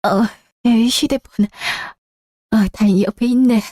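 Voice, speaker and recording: A plaintive, sighing mother in later life, played by a woman in a radio drama. She sounds hurt and put upon, in a somewhat high voice. The recording is dry and close. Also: fairly even intonation, measured pace, mellow, dry recording, natural voice. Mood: complaining. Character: hurt, aging mother and grandmother. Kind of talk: Korean radio drama acting.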